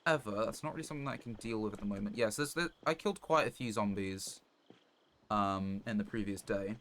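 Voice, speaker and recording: A man live-streams a game, thinking aloud in a fairly low, fast and slightly bright voice. His talk is casual, rambling and understated, and the clear recording carries background noise and clicks.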